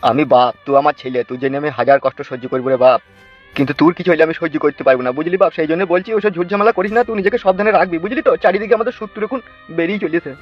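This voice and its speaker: A wounded old father voiced by a man in a comic cartoon. He pleads wearily for caution at a rapid pace. The dull, muffled lo-fi audio has faint music underneath. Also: on the high side, lightly acted. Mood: weary.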